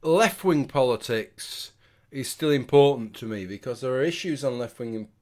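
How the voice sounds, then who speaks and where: A man's voice: mid-range voice, expressive, moderate pace. A British man giving a casual, rambling opinion monologue to his viewers in a tipsy, sweary manner. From United Kingdom. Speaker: video commentator.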